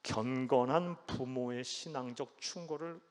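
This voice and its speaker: A man's voice: medium pitch, measured pace. A man preaching a sermon to his congregation, emphatic, acting out the voices of people in the story and asking the listeners questions. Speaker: pastor. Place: church sanctuary. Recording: long hall reverb.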